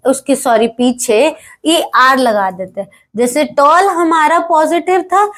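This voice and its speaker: A woman teacher leads a grammar lesson, her voice sitting high. She talks in an unhurried, measured way. She keeps checking that her students follow and reads English examples out slowly and carefully. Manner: explains step by step, often checks with "है ना?".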